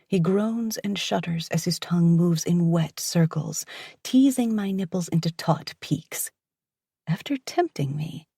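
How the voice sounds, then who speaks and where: A woman reading a romance audiobook in whispered audiobook narration, with a breathy, intimate, half-whispered delivery. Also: sits low, warm tone, no room sound, clean studio sound.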